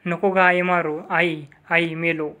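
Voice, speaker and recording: A man's voice: a little high, flat delivery, slow pace, bright, forceful tone. A man reading the lines of a frightened young village boy who begs and protests in tears. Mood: pleading. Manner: crying, pleading.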